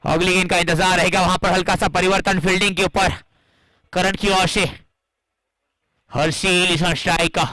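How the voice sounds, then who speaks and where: An Indian man calls a cricket match as an excited live commentator. His voice is high and strikingly forceful, with a dry, close sound. He is dramatic and emphatic. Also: normal speed, long pauses, no echo, low-quality recording. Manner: dramatic, emphatic, rising into exclamation at key moments.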